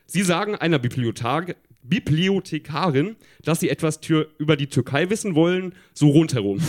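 A man on a live stage reading aloud his own childhood story, amused and laughing along. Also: a little high. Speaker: reader at a live reading show. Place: live stage before an audience.

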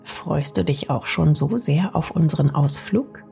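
A woman narrates a bedtime sleep story in a soft, soothing, partly whispery way, speaking intimately to the listener. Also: low-pitched, lively intonation, a little slow, creaky. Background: music.

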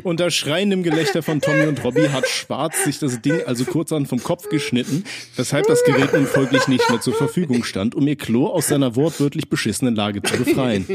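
A man's voice: mid-range voice, big pitch swings, brisk, few pauses, very noisy. A man reading his own crude comedy story aloud in a casual way, often laughing as he goes. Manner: keeps breaking into laughter, crude and irreverent. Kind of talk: casual comic read-aloud.

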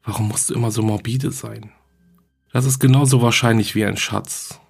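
A man's voice: mid-range voice, steady tone, moderate pace, creaky, breathy edge. A man voicing Susan, a curious young girl. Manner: questioning, probing.

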